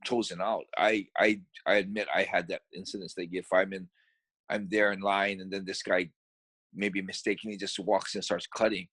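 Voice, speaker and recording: Relaxed Hawaiian man, dry close sound. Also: low voice, normal speed, no echo. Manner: relaxed, rambling, frequent restarts. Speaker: interview guest. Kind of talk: casual interview talk.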